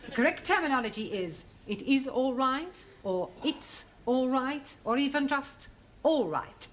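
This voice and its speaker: An actress playing a prim, pedantic, exasperated British schoolmistress in a sitcom, scolding in starchy, precise phrases. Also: female voice, high voice, animated, unhurried, a little hiss or hum. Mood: stern, exasperated. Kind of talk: television sitcom acting.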